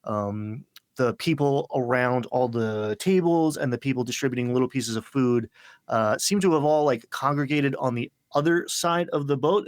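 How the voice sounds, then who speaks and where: Man, game master, very slow pace, dry sound, rambling narration. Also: medium pitch, smooth, no room sound. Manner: unhurried, rambling description with fillers.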